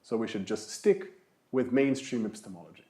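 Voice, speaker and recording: A man in his thirties lecturing to a university class in a mellow, darker voice. He explains step by step, poses rhetorical questions and repeats key words for emphasis. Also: lowish voice, very animated, fairly quick. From Brazil.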